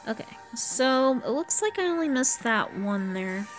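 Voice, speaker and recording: Here the same sort of tired East Coast American host rambles through her gameplay in a relaxed, think-aloud style. Her voice sits high and sounds animated but unhurried, and the rough recording carries game music in the background.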